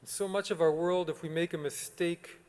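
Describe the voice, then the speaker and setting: A man, a rabbi, delivering a solemn, measured sermon with long pauses. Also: fairly high pitch, fairly even intonation, darkish tone. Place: synagogue sanctuary. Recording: long reverb of a large sanctuary.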